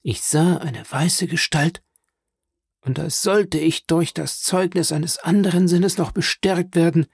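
A man's voice: a little high, measured pace, vocal fry, breathy edge, dry recording, studio quality, exaggerated voice. A man voicing a frail, stern old grandmother who speaks in an imperious, insistent way, in an audiobook reading.

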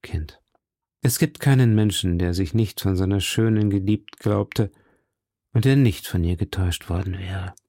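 A man voicing a calm, world-weary musketeer in an audiobook reading. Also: low voice, normal speed, dry recording, clean studio sound. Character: brooding weary male musketeer, cynical. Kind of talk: audiobook character voice.

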